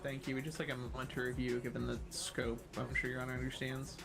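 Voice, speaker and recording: A man's voice: medium pitch, completely flat delivery, fast, vocal fry, close to an everyday voice. A man playing a courteous defense attorney who formally addresses the judge in a courtroom role-play. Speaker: role-player. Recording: music behind the voice. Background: music.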